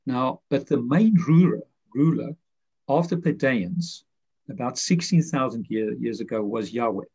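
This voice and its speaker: Gravelly, husky man with muffled sound. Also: mid-range voice, lively intonation, darkish tone. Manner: rambling, halting with fillers. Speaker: guest author. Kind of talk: conversational explanation. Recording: muffled lo-fi audio.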